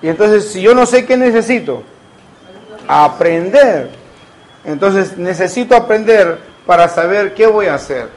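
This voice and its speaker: A man's voice: high-pitched, animated, unhurried, rough recording. A man, preaching a sermon as a pastor and asking the congregation rhetorical questions.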